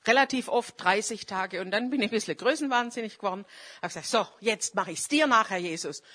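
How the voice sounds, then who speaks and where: Brisk and mid-pitched, a woman's voice carries a fervent charismatic sermon. She prays aloud mid-sermon, moving back and forth between loud exhortation and hushed confession.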